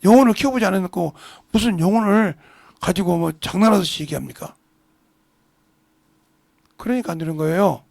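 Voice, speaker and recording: A middle-aged male pastor delivering an animated sermon in church and acting out family dialogue in several voices. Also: high-pitched, a little fast, vocal fry, pauses often, no room sound. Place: church sanctuary.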